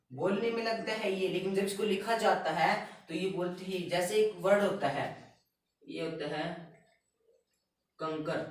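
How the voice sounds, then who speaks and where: A man teaching correct spelling in a spoken lesson, asking and answering his own questions and repeating words slowly. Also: a little high, recorded from a distance. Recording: echoey room, voice off-mic.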